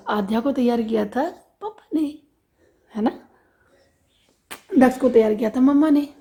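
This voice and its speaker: A woman's voice: mid-range voice, dark tone. A woman in her thirties from India, narrating a casual home vlog and chatting straight to her viewers. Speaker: family vlogger. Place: at home indoors.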